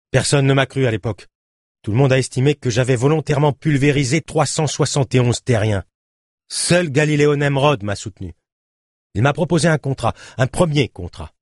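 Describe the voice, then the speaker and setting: A man's voice: mid-range voice, no echo, clean studio sound, pitched above the performer's own voice, close to an everyday voice. A man voicing a bitter male convicted killer who insists on his story in a protesting way.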